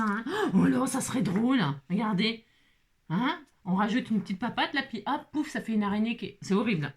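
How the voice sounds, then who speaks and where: A woman's voice: medium pitch, a little hiss or hum. A woman casually narrating a papercraft tutorial, playful and teasing as she chats straight to her viewers. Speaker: papercraft vlogger.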